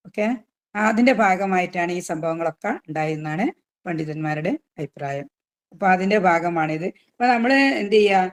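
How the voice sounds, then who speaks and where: A woman with a lowish voice teaches tajweed, explaining the rules patiently and asking her students questions. Her recited examples are drawn out slowly.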